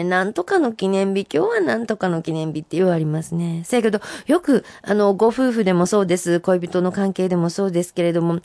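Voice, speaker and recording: A middle-aged woman with a Kansai accent hosting a radio talk show, reading listeners' haiku aloud and chatting about them in a lively way. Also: fairly low pitch, no echo. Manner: lively, chatty, reads poems slowly and warmly reacts with laughs.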